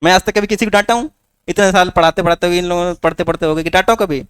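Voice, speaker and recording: A man's voice: sits high, very fast, fairly bright tone, clean tone, no echo. Hindi-accented guy teaching a class, keeps asking students if they get it, dry close sound. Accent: Hindi, north Indian. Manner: rhetorical questions, coaxing students. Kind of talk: classroom lecture.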